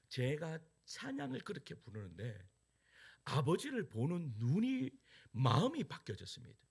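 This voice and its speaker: A middle-aged man preaching a sermon, his voice gravelly and husky yet bright and forceful. He tells a personal story with wide, animated swings in pitch, rising to loud peaks and dropping to hushed asides. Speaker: pastor.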